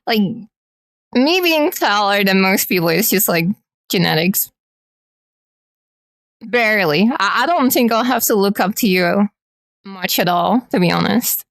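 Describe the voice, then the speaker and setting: A woman's voice: mid-range voice, animated, a little slow, long pauses, a bit bright, no room sound, studio quality. A woman streamer in casual, playful chat with her viewers, teasing them lightly.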